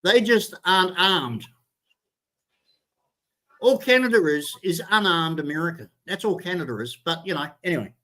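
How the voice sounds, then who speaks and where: A man's voice: high voice, lively intonation, moderate pace, long pauses, pushed and bright. A man, chatting bluntly and swearing with lots of restarts as co-host of a casual streamed talk show. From New Zealand. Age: 60s. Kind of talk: casual chat.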